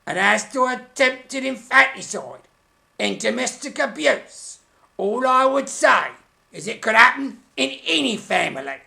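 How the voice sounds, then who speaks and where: A hammy old-school male puppet thespian, vain and easily offended. The voice is high, sharp and heavily creaky, drawn out slowly with pompous theatrical relish in a comic puppet interview. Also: exaggerated voice. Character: vain hammy male puppet stage actor, Mr. Punch, touchy. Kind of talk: comic mock interview in character.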